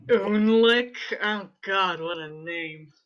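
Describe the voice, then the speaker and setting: Woman, game player, teasing casual banter, medium pitch, dull lo-fi recording. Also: takes it slowly. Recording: slightly dull lo-fi mic.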